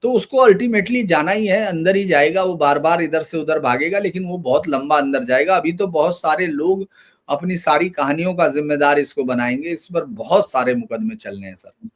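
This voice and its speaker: A man's voice: on the high side, normal speed. A man giving emphatic political commentary in a loose, run-on conversational manner.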